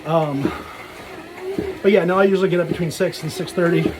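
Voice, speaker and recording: A vlogger with a voice on the high side talks briskly while out walking, casually rambling through a personal vlog. He slips in jokey, self-deprecating remarks over background noise.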